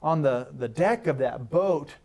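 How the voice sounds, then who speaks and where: A man who is a pastor, giving a sermon-style devotional as a studio guest and telling a Bible story with lively, humorous acted-out asides. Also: a little high, unhurried. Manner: animated storyteller, acts out quotes with humor.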